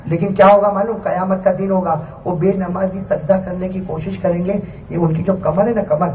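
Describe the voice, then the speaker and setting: A man's voice: sits high, steady tone, far from the mic, dull audio. Man, preacher, call-and-response sermon, melodic chanting, echoey room, faint noise. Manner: prompts the crowd to answer aloud, chants Quran recitation melodically.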